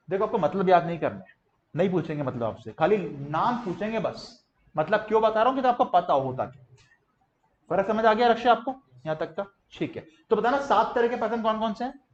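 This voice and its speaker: Energetic male lecturer, fairly high-pitched, drilling a class in call-and-response; muffled lo-fi recording. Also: fairly quick, roomy sound. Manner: mixes in English terms. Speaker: teacher.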